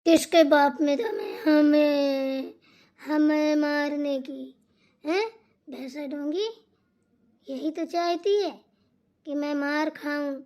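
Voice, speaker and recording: A rowdy young wife, drunk on bhang, hoots wildly and rambles about every insult she has suffered, played by a woman. It is a high cartoon-comedy voice with slurring, loose delivery. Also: mellow. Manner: slurring outbursts, wild hooting, rambling grievances. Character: daughter-in-law drunk on bhang, rowdy and aggrieved.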